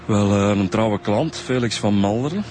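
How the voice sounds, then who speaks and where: A man with a Flemish accent plays a chatty, easygoing police detective in a radio drama, his voice on the low side and darkish, at normal speed. The naturalistic, lightly acted delivery is informal, colloquial, and matter-of-fact, with slight background noise.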